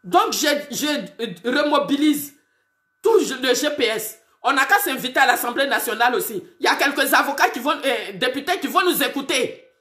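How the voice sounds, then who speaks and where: A woman's voice: high-pitched, expressive, normal speed, a bit bright, roomy sound. A woman activist from Côte d'Ivoire, speaking to camera in an indignant tone and hammering home rhetorical questions. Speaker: political activist. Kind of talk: impassioned address to camera.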